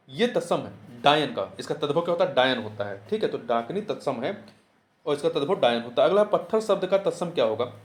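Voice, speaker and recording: A man's voice: on the high side, darkish tone. Man explaining exam answers. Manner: repeats answers, asks and answers his own questions. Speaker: Hindi exam teacher. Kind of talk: test answer explanation lesson.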